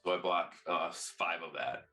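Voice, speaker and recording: A man with a very deep, bright voice casually plays a tabletop role-playing game. He thinks aloud as he calls out moves. The room is echoey. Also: steady tone, normal speed. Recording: roomy echo, faint music behind.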